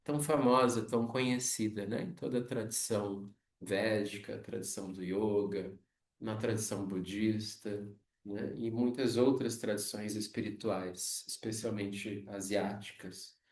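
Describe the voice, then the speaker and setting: A Brazilian man teaching a yoga philosophy class, explaining slowly and checking in with frequent tag questions. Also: fairly low pitch, fairly even intonation, darkish tone. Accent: Brazilian Portuguese. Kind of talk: lecture on scripture. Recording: echoey room, mic far off.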